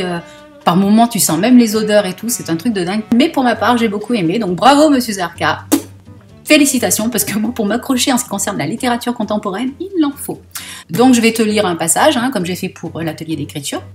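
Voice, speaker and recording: A woman talking casually about books she has read, chatty and slangy, swearing freely. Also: mid-range voice. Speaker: book vlogger. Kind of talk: casual book review and reading aloud.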